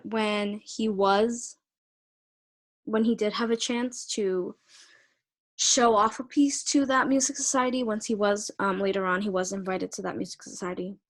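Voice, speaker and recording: Young woman giving a halting class presentation. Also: medium pitch. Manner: hesitant, many fillers and restarts. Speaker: student presenter. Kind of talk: research presentation.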